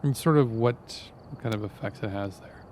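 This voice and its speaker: A man's voice: lowish voice, normal speed, a little mellow, slight background noise. A man with a Canadian accent, a native French speaker, hosting a game live stream and talking at length to his viewers. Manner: rambling, explains at length to the viewers. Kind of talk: casual live-stream commentary.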